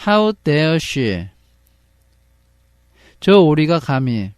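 A man reading the part of a fretful mother in a storybook, slowly and carefully, then translating each line into Korean. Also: on the high side, very animated, clear, resonant tone, no echo, clean studio sound, full character voice. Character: fretful mother duck-hunter turned bird.

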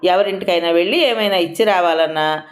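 A woman's voice: on the low side, a little fast, lightly acted. A woman voicing a playful, teasing young woman who is a daughter in the story. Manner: lively and teasing.

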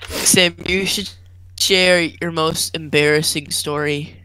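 A man's voice: fairly high pitch, steady tone, takes it slowly, sharp tone, clear, resonant tone, low-quality recording. A teenage boy co-hosting a casual podcast, rambling and laughing, with lots of "like.". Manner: rambling, laughs often, says "like" a lot. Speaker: podcast co-host. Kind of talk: casual chat.

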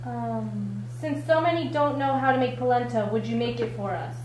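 A woman's voice: fairly high pitch, moderate pace, a little mellow, heavy reverb, a little hiss or hum, low-quality recording. A woman off camera reading viewers' questions out to the host in short, plain questions.

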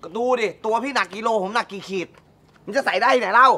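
A man's voice: sits high, fast, pushed and bright, exaggerated voice. A whiny, pampered skinny young rich man. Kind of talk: slapstick film comedy.

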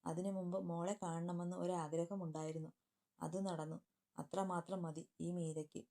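A woman voicing a young woman who is a grieving, tender elder sister, speaking softly and affectionately. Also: on the low side, level tone, normal speed, close to an everyday voice. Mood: sorrowful. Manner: soft, affectionate, sorrowful.

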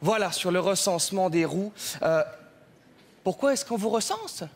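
A man's voice: high voice, animated, moderate pace. A man playing a fussy, mock-polite male census clerk at a counter in a stage comedy sketch, with stammering fillers. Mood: officious.

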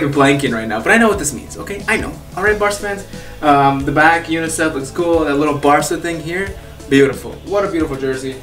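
Casting note: young male vlogger from Peru, slightly high voice, gushing and chatty, recorded in an echoey room with faint music behind. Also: fairly bright tone, recorded from a distance. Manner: rambling, filler-heavy and enthusiastic. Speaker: YouTuber. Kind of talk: casual vlog chat. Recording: roomy echo, off-mic, faint music.

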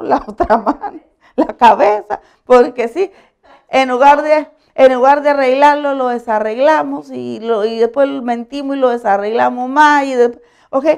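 Woman pastor, fairly high gravelly voice, lively sermon storyteller who laughs easily. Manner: animated storytelling, asks the audience for agreement; laughs often while preaching. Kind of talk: conversational sermon.

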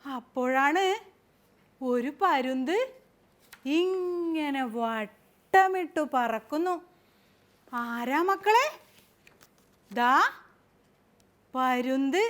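Woman kindergarten teacher, high and lively, slow sing-song storytelling delivery. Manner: sing-song, coaxing, asks the children questions. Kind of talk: storytelling lesson for small children.

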